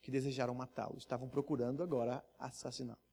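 A man preaching a sermon, acting out quoted voices and swinging from hushed asides to loud, emphatic lines. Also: medium pitch, level tone, fast, gravelly, a little hiss or hum. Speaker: pastor.

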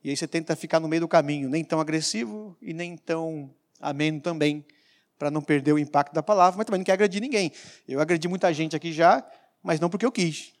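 A man preaching a sermon as pastor, emphatic, with sudden loud peaks and quiet asides. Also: on the high side, quick pace.

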